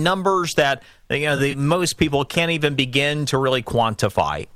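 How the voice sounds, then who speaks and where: A dry, close studio recording of an American man hosting a call-in radio show. His voice is bright and forceful, and he comments on politics emphatically, doubling back on phrases for stress. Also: fairly high pitch, no room sound. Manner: emphatic, repeats phrases for stress, stop-and-start. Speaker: talk radio host. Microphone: close studio broadcast mic.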